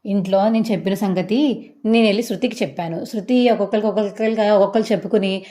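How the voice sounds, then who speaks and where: An anxious, protective older sister, as a woman puts her on apologizes rapidly for her sibling. The voice is low-lit and mellow. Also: natural voice. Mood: complaining.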